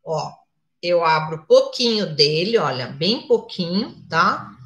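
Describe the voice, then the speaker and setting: Slow-talking mature woman teaching makeup. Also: on the low side, big pitch swings, fairly bright tone. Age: older. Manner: chatty, constantly checking in with viewers. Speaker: makeup instructor. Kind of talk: live makeup tutorial. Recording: echoey room.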